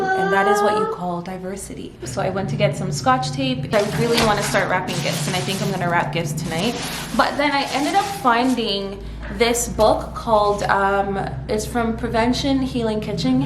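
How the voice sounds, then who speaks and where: A woman in her thirties chatting casually and upbeat to camera at home, rambling through asides. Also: medium pitch. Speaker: vlogger. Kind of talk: casual vlog chat. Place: home kitchen. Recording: echoey home room with faint noise.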